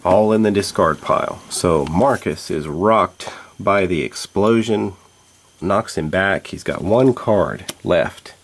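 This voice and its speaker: A man hosting a tabletop board game playthrough, explaining the rules and thinking aloud about each move in a measured way. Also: low voice. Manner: measured, thinks aloud while checking moves.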